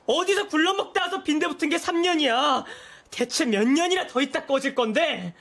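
A performer playing a bitter high-school boy with a high voice, cold and scornful toward his stepbrother. His delivery stays curt and defiant throughout. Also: normal speed, gravelly, a bit bright. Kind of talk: drama acting.

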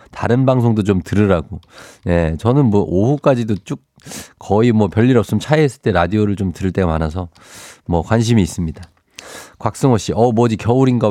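A man's voice: fairly low pitch, dark tone, no room sound. Guy dj on morning radio, playful chatty banter, dead dry studio mic. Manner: chatty, playful, reads listener texts aloud. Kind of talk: casual morning radio chat. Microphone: studio microphone.

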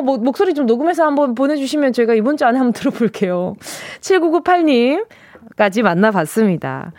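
A woman's voice: sits high, a little mellow, dry recording. A young woman radio DJ in a studio, reading out listener messages in a playful quiz chat and mimicking the sounds they describe. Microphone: studio microphone.

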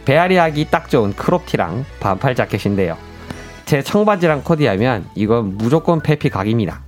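Male radio guest, animated delivery, middle pitch, reading and chatting over faint music. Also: fairly quick. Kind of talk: casual radio chat and dramatic story reading.

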